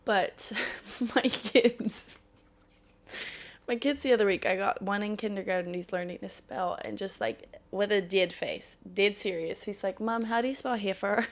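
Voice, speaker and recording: Woman podcast host in her thirties, gravelly voice, candid and profane, loose casual chat. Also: medium pitch, fairly even intonation, a little slow. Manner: candid, swears freely, laughs often.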